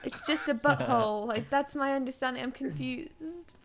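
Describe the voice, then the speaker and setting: A woman streaming a game, bantering casually with friends in an animated, giggly, exclamatory way. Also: sits high, normal speed, vocal fry, a crowd in the background.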